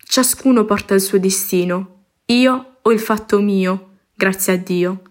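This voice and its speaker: Woman reading a bit of a novel out loud, calm and measured, mid voice. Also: medium pitch. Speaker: reader. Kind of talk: reading a novel passage aloud.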